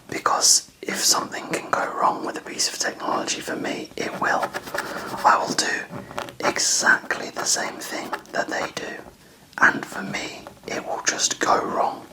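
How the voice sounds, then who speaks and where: A person whispering a casual, self-deprecating ASMR ramble in a breathy, unvoiced voice, musing in a chatty way. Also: pushed and bright, poor audio. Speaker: ASMR video creator.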